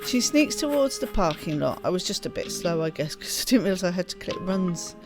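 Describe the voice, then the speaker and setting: With game music in the background, a woman with a lowish, sing-song voice reads a game's story aloud a little fast. She's hosting a let's play, giving the text an expressive reading and making spontaneous casual asides as she plays.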